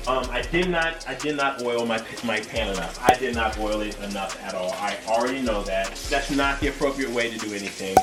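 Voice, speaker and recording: A man with a mid-pitched voice chats to the camera as a tipsy home cook. His talk is loose and rambling, often losing its thread. The room is echoey, and music plays clearly behind him. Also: brisk, hardly any pauses. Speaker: home cooking show host. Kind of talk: casual chat to camera while cooking. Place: home kitchen. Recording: roomy echo, distant mic, music behind.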